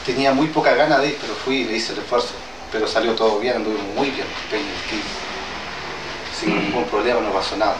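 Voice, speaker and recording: This traditional healer, a Mapudungun speaker from southern Chile, talks informally to an audience gathered in an indoor hall. His voice is lowish with a steady tone, and his delivery is hesitant and halting, plainly worded and full of restarts. He sounds distant and echoey, and the recording is roomy and noisy.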